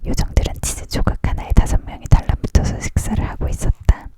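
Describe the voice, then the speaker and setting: Whispering ASMR storybook narrator. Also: fast. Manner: whispering throughout, soft and unvoiced. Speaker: narrator reading a fantasy novel aloud.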